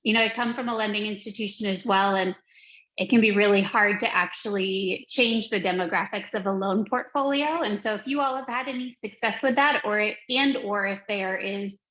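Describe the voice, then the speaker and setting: A woman's voice: mid-range voice, normal speed, fairly bright tone. A woman from a lending institution asking an earnest, careful question in an online panel. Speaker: audience member from a lending institution. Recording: dull echoey online call audio.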